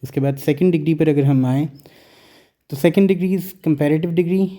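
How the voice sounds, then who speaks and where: A man with a very dark, mellow voice teaches a grammar lesson. He explains rules patiently in Hindi-Urdu, mixed with English words. He slows down to read out example sentences. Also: on the high side.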